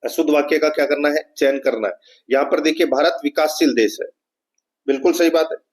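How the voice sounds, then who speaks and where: A man's voice: on the high side, a little fast, a little mellow. A man teaching an exam-prep lesson, repeating key phrases and asking rhetorical questions that he answers himself. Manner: repeats key phrases and often addresses viewers as friends.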